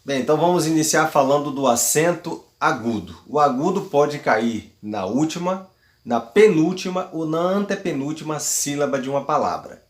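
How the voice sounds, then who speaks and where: A man giving a recorded grammar lesson as a teacher, explaining patiently and repeating words slowly syllable by syllable. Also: a little high, expressive, roomy sound. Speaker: Greek teacher.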